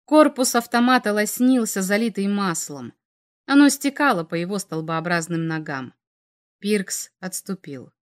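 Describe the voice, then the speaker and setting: A woman reading science fiction aloud as an audiobook narrator, measured and dramatic. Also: mid-range voice, animated.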